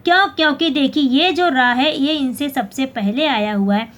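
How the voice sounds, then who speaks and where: A woman teacher with a high voice leads a Hindi lesson. She explains patiently, repeats words slowly and gives the letters little personalities so the students follow. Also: fairly bright tone. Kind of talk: classroom lesson explaining pronunciation.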